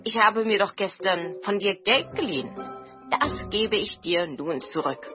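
A woman's voice: mid-range voice, lively intonation, unhurried, highs cut off, over music, lightly acted. A woman voicing a forgetful, kindly male goblin spirit in a storybook reading, with a cheerful, absent-minded manner.

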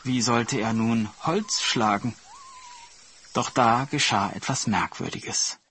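A man reading a fairy tale aloud in a calm, storybook narration style. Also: mid-range voice, slow, slight background noise.

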